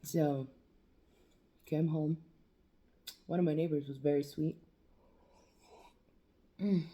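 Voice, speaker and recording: A woman's voice: low-pitched, steady tone, slow, heavy background noise. A young woman vlogging casually about quitting smoking while in facial nerve pain, rambling, swearing and joking at herself. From New Mexico. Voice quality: swearing, rambling, self-mocking. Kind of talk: casual talk to camera.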